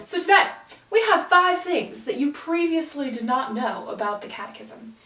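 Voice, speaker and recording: A woman's voice: high-pitched, expressive, moderate pace, fairly bright tone, soft background music. A young woman co-hosting a casual, upbeat scripted video, speaking playfully. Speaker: co-host. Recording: echoey room, mic at a distance.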